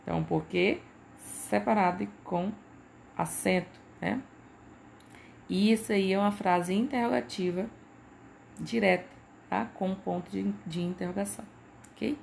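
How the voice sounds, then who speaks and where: A woman's voice: mid-range voice, measured pace, gravelly, long pauses, a little mellow, a little hiss or hum. A Brazilian woman teacher giving a recorded lesson, talking patiently and checking in with listeners as she goes. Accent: Brazilian Portuguese. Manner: patient, repeats points with frequent "né" and "tá".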